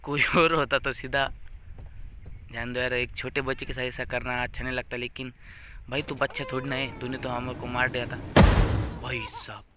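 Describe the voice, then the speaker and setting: A man's voice: mid-range voice, level tone, normal speed, noisy background. A young man giving casual, joking gameplay commentary as a gaming YouTuber, teasing the baby on screen.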